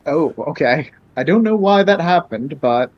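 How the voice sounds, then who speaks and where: A man's voice: fairly high pitch, lively intonation, unhurried, no echo. Hesitant man on a dull, dry mic. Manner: hesitant, many fillers. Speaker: player. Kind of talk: casual tabletop game play.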